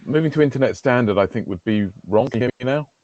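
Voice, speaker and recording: A man speaking in a remote technical meeting over a garbled, breaking-up connection, talking haltingly with repeated restarts. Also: mid-range voice, darkish tone, highs cut off, a little hiss or hum. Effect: garbled, breaking-up online call audio. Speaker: meeting participant.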